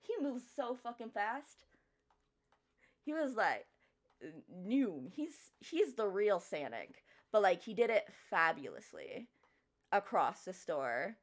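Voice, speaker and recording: A woman's voice: medium pitch, sing-song, slow pace. A young adult woman streamer casually retelling a story, sassy and swearing freely.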